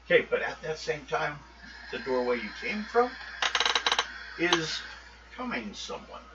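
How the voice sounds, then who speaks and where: A man's voice: on the high side, unhurried. A man narrating a tabletop game as game master, talking loosely with frequent ums. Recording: muffled, distant mic with steady noise.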